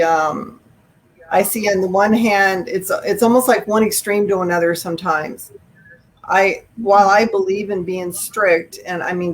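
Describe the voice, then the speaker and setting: A woman's voice: lowish voice, poor audio. A middle-aged woman, an author taking questions in a live video interview, speaking frankly and with strong opinions. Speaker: author guest. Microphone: video call.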